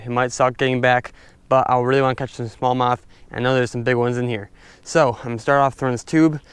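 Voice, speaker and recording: A young man casually narrating his fishing from a stand-up paddleboard on a lake, chatty and excitable, talking to his viewers. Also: medium pitch, smooth, no echo. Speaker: fishing vlogger. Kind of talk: casual outdoor commentary. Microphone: head-mounted action camera.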